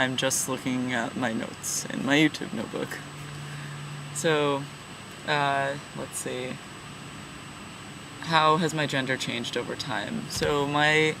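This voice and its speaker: Young man, twenties, casual vlogger; halting and self-deprecating, slow delivery over a steady hum. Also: mid-range voice, creaky. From California, USA. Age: 20s. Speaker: vlogger, regular channel contributor. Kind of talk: casual personal vlog.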